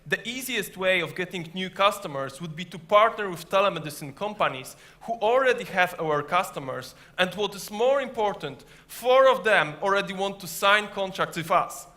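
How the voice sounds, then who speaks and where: High, bright voice in a rehearsed startup pitch. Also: male voice, expressive, normal speed, hardly any pauses.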